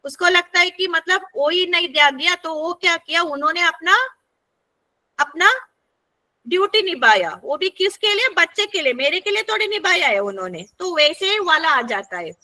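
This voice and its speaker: Bright, high-voiced woman leading a workshop. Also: big pitch swings, moderate pace. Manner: conversational, keeps checking in with the group. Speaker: workshop facilitator. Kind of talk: interactive workshop teaching. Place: workshop room with a group.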